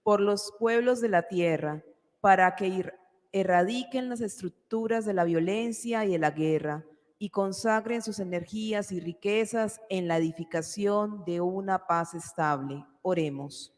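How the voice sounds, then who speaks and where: A woman reading the prayers of the faithful at mass in a steady, formal way, with a cathedral echo around her voice. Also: mid-range voice, measured pace. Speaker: lay reader. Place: large church. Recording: long church reverb.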